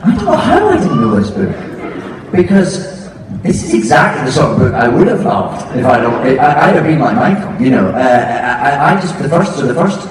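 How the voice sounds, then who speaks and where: A man speaking as a guest on a live panel, animated and halting with many restarts. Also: medium pitch, background noise. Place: large arena theatre with live audience. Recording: echoey arena from far off, crowd.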